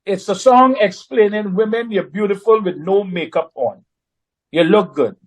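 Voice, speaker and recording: High-voiced man telling a lively story. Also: moderate pace, rough recording. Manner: animated, acts out dialogue in quoted voices. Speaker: recording artist guest. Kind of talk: casual storytelling.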